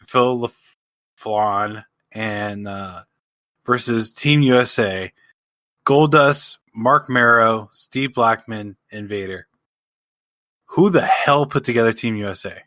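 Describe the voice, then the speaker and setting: A man co-hosting a casual podcast, ranting in an animated and exasperated way, with some swearing. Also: lowish voice, slow pace, no room sound. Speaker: podcast co-host.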